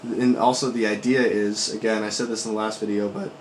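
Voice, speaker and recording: A low-voiced man records a casual dream-journal vlog, his voice worn out from a recent illness. He recounts his dreams in a rambling, reflective way with some swearing. The room gives his voice a clear echo, with faint noise underneath. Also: level tone, fairly quick. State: voice worn out from recovering from sickness. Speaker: vlogger.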